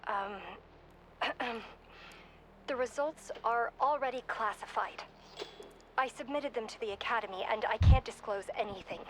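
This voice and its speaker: A woman voicing a reserved female scientist giving a recorded report in a game, in a measured, guarded manner. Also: a little high, slight background noise, lightly acted. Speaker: scientist in a game audio log. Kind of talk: game voice acting, spoken report.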